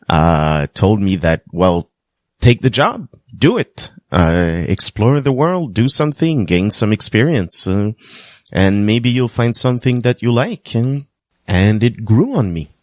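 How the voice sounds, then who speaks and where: A podcast host whose first language is French tells a personal story in monologue form, earnest and self-deprecating with light humor. He speaks slowly yet lively, in a low voice, with clean studio sound and no room sound.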